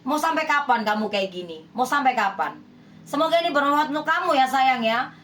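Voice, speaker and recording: A spiritual healer offering love readings addresses her viewers in a scolding, persuasive tone, pressing her points with lots of rhetorical questions. Her high-pitched voice is expressive, fairly quick and fairly bright, over a faint hiss or hum.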